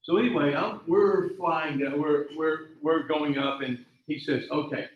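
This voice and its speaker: A taekwondo instructor addresses his class with a repetitive, emphatic motivational talk packed with rambling stories. His voice is slightly high and his pace measured, and the room sound is echoey, dull, and lo-fi.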